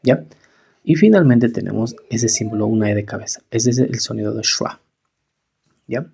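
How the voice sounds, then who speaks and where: A man teaching English pronunciation, slowly repeating each word several times. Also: mid-range voice, gravelly, mellow. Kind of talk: pronunciation lesson. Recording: dull, lo-fi recording.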